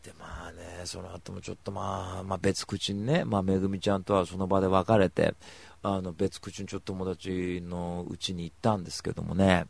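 A man hosting a radio show, telling rambling stories to listeners with emphatic, animated delivery on a studio mic. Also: sits low, normal speed, creaky, breathy edge. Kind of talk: casual solo radio talk.

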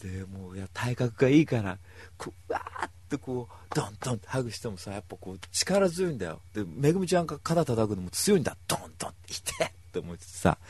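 A man telling stories in a casual monologue, animated, acting out other people's lines in voices. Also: mid-range voice, fast talker, hardly any pauses, breathy edge.

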